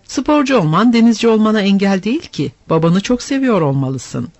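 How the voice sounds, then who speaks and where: A man voicing a kindly, steady nobleman who speaks calmly and reassuringly to a boy in a storybook reading. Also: sits high, fairly quick, no echo. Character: kindly, steady noble lord leading an expedition.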